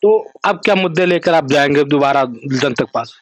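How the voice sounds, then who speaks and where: High-voiced male local reporter. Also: moderate pace, no echo. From Uttar Pradesh, India. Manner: hesitant, with filler sounds in summary. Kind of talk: news interview and sign-off report.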